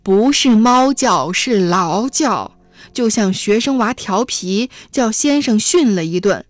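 A woman voicing an earnest teenage village boy who explains things loudly and with exasperation. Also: fairly high pitch, expressive, measured pace, dry recording. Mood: exasperated.

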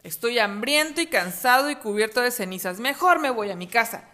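A woman's voice: fairly high pitch, lively intonation, a little fast, pushed and bright. A woman voicing a blustering big bad wolf in a children's storybook reading, growling, huffing and laughing theatrically. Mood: grumbling.

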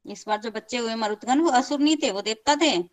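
A woman's voice: on the high side, a little fast, poor audio. A woman retelling a scripture story in a casual, conversational way, repeating phrases for emphasis, speaking to her listeners and mixing in English words.

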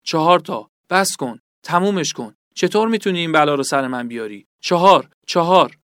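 A man reading aloud and voicing a tortured male prisoner who begs for the pain to stop, in a smooth, clear voice. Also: medium pitch, a bit bright, no room sound, clean studio sound, natural voice. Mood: pleading. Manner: pleading, breaking under pain.

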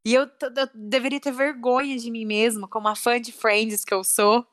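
A woman's voice: fairly high pitch, little pitch movement, moderate pace, a bit bright. Chatty young Brazilian-Portuguese-speaking woman. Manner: chatty, emotional, lots of fillers. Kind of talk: casual chat.

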